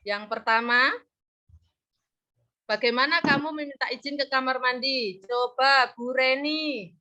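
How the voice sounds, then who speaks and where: With a high-sitting, pushed and bright voice, a woman conducts a practice lesson a little slowly, praising and coaxing her students. She keeps leaving words half-said for the class to complete. The recording is muffled and lo-fi.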